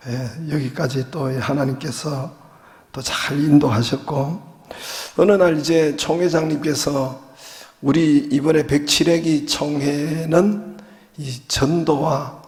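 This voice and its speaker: A male pastor preaching to his congregation in a slightly high voice, chatty and joking, often pausing on little fillers. The sound carries a long church-hall reverb behind it. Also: fairly even intonation, a little mellow. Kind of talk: sermon. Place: church sanctuary.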